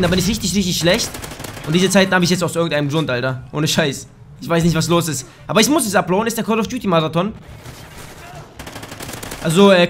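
Young man, high voice, slightly hoarse, excitable crude let's play commentary, faint gunfire in the background. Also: a little hiss or hum. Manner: excitable, crude, bursts into shouts. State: a bit hoarse. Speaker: gaming YouTuber. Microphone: desk microphone.

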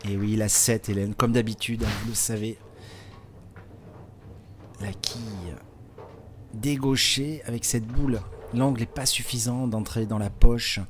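A man's voice: mid-range voice, steady tone, unhurried, long pauses, a little hiss or hum. A man giving live bowling commentary, chatty and explanatory, with many small fillers. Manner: chatty, explanatory, with frequent hein and euh fillers.

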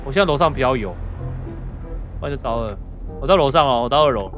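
A woman's voice: rumbling low, lively intonation, quick pace. A woman streamer chatting casually as she plays a horror game. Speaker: gaming streamer. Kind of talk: casual chat while playing a horror game. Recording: dull lo-fi audio, game music behind.

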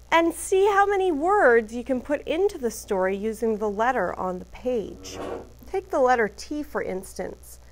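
Reading a picture book to children, a female teacher puts deliberate emphasis on letters and phrases. Her voice is a little high, and the audio quality is poor.

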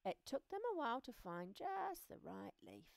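A woman reading a children's picture book aloud, expressive, often dropping to a soft hush. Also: fairly high pitch, moderate pace, creaky, no echo. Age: adult. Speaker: reader.

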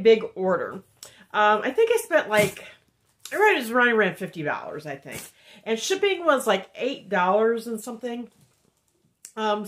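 Slight background noise surrounds this woman's somewhat high voice as she chats casually in a haul vlog from a room at home. She's an Indiana wax melt reviewer who sounds nasal from a head cold, rambles, fills pauses with many ums and reads cards aloud.

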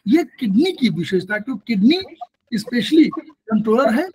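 A man's voice: very high voice, very animated, moderate pace, darkish tone, slightly rough, low-quality recording. A man teaching a class, explaining patiently and repeating key points so students remember.

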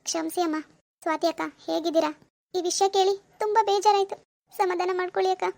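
A gentle young cartoon woman who answers insults with patient, polite pleading, voiced by a woman. Her voice is very high. The recording is dry and close. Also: fairly even intonation, fast, gravelly, dry recording. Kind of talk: animated village drama voice acting.

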